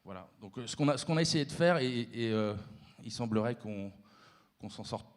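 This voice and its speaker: A man giving an informal conference presentation, halting and repeating words as he goes. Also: medium pitch, animated. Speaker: company representative, conference presenter.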